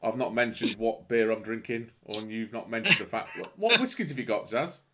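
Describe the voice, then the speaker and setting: A man's voice: medium pitch, expressive, fairly quick, very noisy. A man with an English accent hosting a podcast over a video call, chatting casually and joking with plenty of swearing. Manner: swears freely, jokey, laughs often. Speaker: podcast host. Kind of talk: casual chat over drinks. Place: home bedroom video call.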